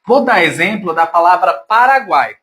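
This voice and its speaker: A man's voice: sits high, lively intonation, moderate pace, a bit bright. A man teaching a grammar lesson to his pupils, patient and affectionate, sounding words out syllable by syllable.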